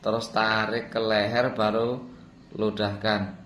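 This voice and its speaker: A man's voice: on the low side, flat delivery, takes it slowly, a bit bright, a little hiss or hum. Man chanting in echoey room. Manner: commanding and coaxing, addressing an unseen spirit. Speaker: ruqyah healer. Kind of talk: spiritual healing session, chanting verses. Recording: very echoey room, distant mic.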